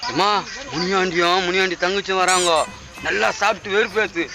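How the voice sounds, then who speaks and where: A man acting a scheming father in a village comedy sketch, teasing and bantering with quick comebacks. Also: high-pitched, fairly even intonation, over music.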